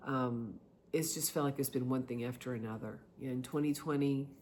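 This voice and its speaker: A middle-aged woman giving a confessional personal monologue in a halting, reflective way, often pausing between short phrases. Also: extremely low pitch, fairly even intonation, a little mellow, slight background noise. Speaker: vlogger sharing personal experiences.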